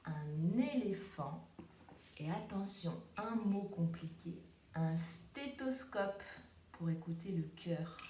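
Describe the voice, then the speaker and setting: Woman preschool teacher, patient and unhurried, talks young kids through a lesson syllable by syllable; roomy tablet recording with faint ambience. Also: on the low side, distant mic, a little hiss or hum. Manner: slow, gentle, syllable-by-syllable demonstrating. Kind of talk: home video lesson for young children. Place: countryside home, flies around. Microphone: tablet camera.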